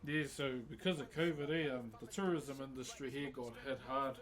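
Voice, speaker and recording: A man's voice: mid-range voice, steady tone, moderate pace, a bit bright. A man with a broad New Zealand accent chatting casually to livestream viewers in a laid-back, slangy, matey way. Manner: laid-back, slangy, addressing viewers as bro and mate-like pals. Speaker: livestream host, woodcarver.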